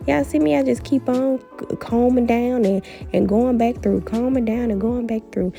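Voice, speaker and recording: A woman's voice: on the high side, moderate pace, creaky, faint music behind. A woman vlogging a hair tutorial at a family home, chatty and playful, talking straight to her viewers. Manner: animated, playful, talks straight to viewers with "honey" and "baby".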